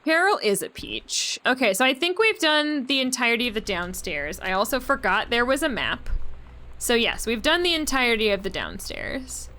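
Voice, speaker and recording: A woman's voice: fairly high pitch, big pitch swings, moderate pace, pushed and bright. A young adult woman streamer giving casual, joking commentary while playing a game, giggly and swearing casually.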